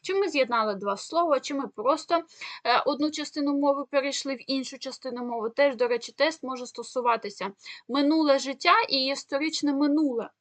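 A woman teacher from Ukraine explaining grammar in an exam-prep lesson, asking rhetorical questions and pausing on fillers. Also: high voice, no echo.

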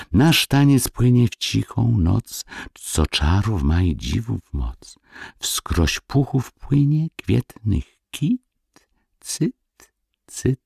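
A man voicing a chorus of tiny dancing dwarves in a slow, whispered, lilting chant. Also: deep voice, gravelly, a little mellow, breathy edge, no room sound, clean studio sound, exaggerated voice.

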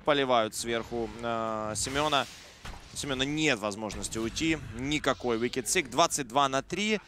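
Guy casting an esports match, joking and slangy, average pitch, some noise behind him. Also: normal speed, bright, forceful tone. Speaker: esports commentator. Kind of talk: live game commentary with casual banter.

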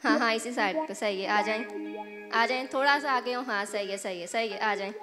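High-voiced woman calmly guiding a contestant. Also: normal speed, big-room sound, over music. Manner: steady, calm guiding directions. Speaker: game show contestant.

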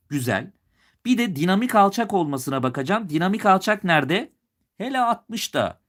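A man's voice: fairly high pitch, a bit bright. A male teacher from Turkey giving a live exam review lesson, with a slight regional lilt he puts on at times. He talks students through each question, asking and answering himself as he goes. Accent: Turkish, with a regional lilt he puts on at times.

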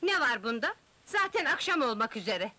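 A woman's voice: on the high side, sing-song, moderate pace, heavy background noise. A woman doing a meek, pleading cockroach relative. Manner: pleading, soothing.

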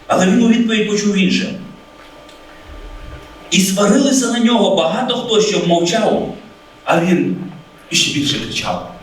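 High-voiced man preaching a sermon. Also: animated, moderate pace, pauses often, heavy reverb, recorded from a distance, slight background noise, low-quality recording. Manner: earnest, addresses listeners as friends, acts out quoted voices.

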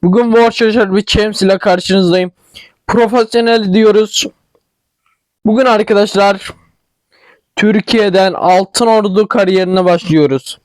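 A man's voice: sits high, fairly even intonation, unhurried, long pauses, no echo. A young man with a regional Turkish dialect, chatting casually over a football management game, thinking aloud and stumbling over words. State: tickly throat, clearing it. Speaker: gaming channel host.

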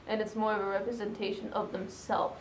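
A woman's voice: mid-range voice, level tone, fairly quick, reverberant, slight background noise, rough recording. A young adult woman answering interview questions casually, hesitant, with many "um"s and "like"s. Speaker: interviewee, fursuiter.

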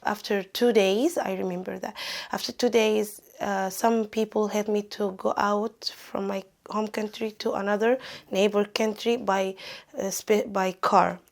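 Woman from Sudan, interviewee; slow to find her words, creaky timbre. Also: mid-range voice, steady tone. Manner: halting, many fillers and restarts. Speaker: interviewee, refugee. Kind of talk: hesitant personal account.

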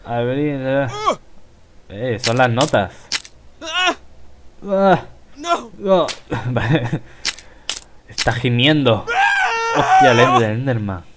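A man's voice: medium pitch, expressive, extremely slow, long pauses, raised voice, background noise. A man with a Spain Spanish accent giving casual gameplay commentary, chatty and exclaiming at the game as he plays. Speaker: gaming video host.

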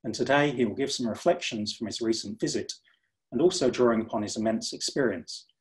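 A man moderating a webinar session, reading a formal speaker introduction in a measured way. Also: mid-range voice, rough recording. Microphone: video call.

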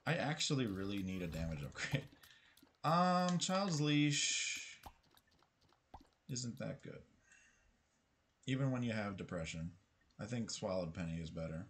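A man's voice: low voice, expressive, moderate pace. A man streaming gameplay live, chatting casually with his viewers, musing aloud and swearing now and then. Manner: chatty, swears, talks to chat.

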